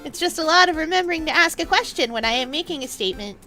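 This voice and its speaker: A woman's voice: sits high, animated, fast talker, pushed and bright. A woman giving casual, playful commentary as she plays through a game, with chatty asides. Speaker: gaming streamer. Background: music.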